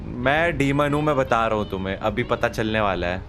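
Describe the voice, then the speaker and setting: A man giving joking playthrough commentary, mixing Hindi and English in quick chatter. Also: medium pitch, animated, fairly bright tone. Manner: talks fast over the music. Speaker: gaming YouTuber. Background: game music.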